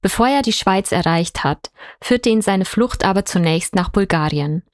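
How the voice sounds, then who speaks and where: A woman narrating a report in a calm, explanatory way. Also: mid-range voice, normal speed, dry recording, studio quality. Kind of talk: scripted narration.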